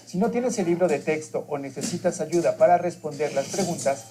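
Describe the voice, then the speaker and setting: Narrator giving calm instructions. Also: mid-range voice, brisk. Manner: calm, instructive address to children. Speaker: program narrator. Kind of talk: scripted narration. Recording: TV sound recorded by a home device, with music behind.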